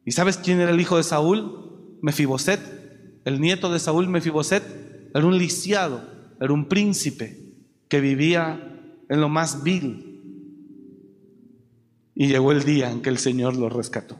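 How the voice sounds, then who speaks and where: A man preaching a sermon, moving from quiet storytelling to shouted exhortation. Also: a little high, a little slow, long pauses, big-room sound.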